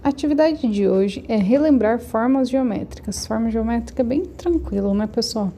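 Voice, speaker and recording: Woman primary teacher, patient step-by-step explainer, gravelly and mellow voice, remote lesson. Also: a little high, expressive, moderate pace, a little hiss or hum. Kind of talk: remote class walkthrough of a textbook.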